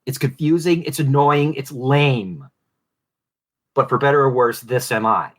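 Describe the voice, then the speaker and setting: Podcast host, man, mid-Atlantic accent drifting Southern, ornate wordy delivery, mid-range pitch. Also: unhurried, fairly bright tone. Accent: mid-Atlantic, shifting toward Southern. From Southwest Florida. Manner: elaborate, formal, intricate phrasing. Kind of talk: reflective solo monologue.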